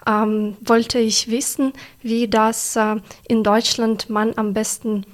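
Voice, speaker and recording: A young exchange student from Ukraine, speaking. Her voice sits somewhat high, and she talks slowly, searching for words with frequent pauses. She restarts phrases as she answers each question. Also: level tone. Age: young adult. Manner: hesitant, many fillers and restarts. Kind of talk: interview answers.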